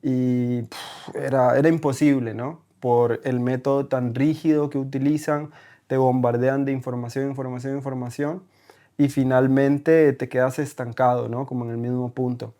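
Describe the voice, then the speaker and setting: Speaking at a moderate pace with a flat, mellow medium-pitched voice, this man is a German teacher from Costa Rica. He's a guest on a podcast recorded in Berlin, recounting his story in a relaxed interview. Hesitations and tag questions fill his speech.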